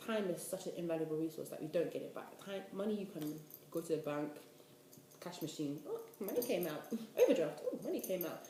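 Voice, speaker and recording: A woman's voice: on the low side, big pitch swings, fairly quick, dark tone, a little hiss or hum. A twenty-year-old woman, rambling casually to the camera in a vlog, full of "like". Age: 20s. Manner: chatty, rambling, lots of "like". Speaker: vlogger. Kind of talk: casual talking-head vlog. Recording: echoey room.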